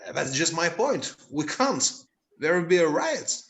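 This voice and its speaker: A man's voice: a little high, sing-song, a little slow. A man playing a hesitant, stammering set builder. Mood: wry. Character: hesitant married man who builds the sets. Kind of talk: amateur play reading. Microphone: video call.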